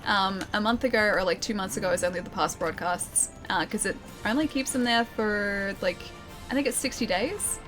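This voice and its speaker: Female game streamer, medium pitch, casual viewer chat, slightly careful speech from wearing a retainer, music underneath. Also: normal speed, a bit bright. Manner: talking with retainer trays in, slightly careful articulation. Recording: music playing behind the voice. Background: background music.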